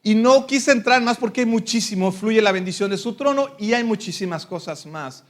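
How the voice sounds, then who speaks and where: Male pastor, high voice, Bible class sermon, rhetorical questions, acts out prayers. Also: normal speed. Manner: conversational teaching with rhetorical questions and acted-out prayers.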